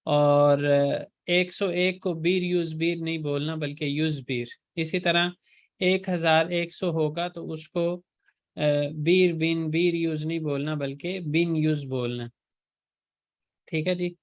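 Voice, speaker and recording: Slow, patient male teacher drilling words. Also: fairly high pitch, steady tone. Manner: patient, drills each word slowly by repetition. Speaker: Turkish language teacher. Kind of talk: online class lesson.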